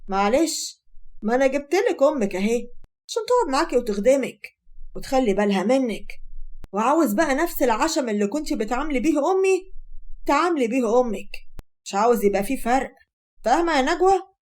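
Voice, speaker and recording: A woman's voice: high voice, expressive, quick pace, a little mellow. A woman voicing a firm young Egyptian husband who gives orders to his wife and mother-in-law. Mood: commanding. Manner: firm, commanding. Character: stern young husband, calm then domineering.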